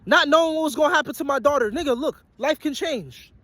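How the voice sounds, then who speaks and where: Young man in his twenties, very high voice, blunt and profane, repeats himself, sweaty after a long shift. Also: fast, sharp tone, no room sound. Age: 20s. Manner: blunt, profane and repetitive, hammering points home. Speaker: vlogger and aspiring musician. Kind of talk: motivational rant to camera.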